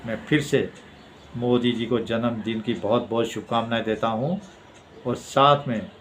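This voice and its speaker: Brief: man at mid pitch, fervent political commentator, declamatory, faint background noise. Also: steady tone, a little slow. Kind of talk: impassioned political monologue.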